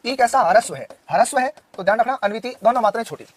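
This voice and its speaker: A man in his thirties with a Rajasthani Hindi accent, teaching an online exam-prep Hindi class and firing quick questions at his students. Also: extremely high pitch, lively intonation. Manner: drilling students with quick questions, loud and insistent.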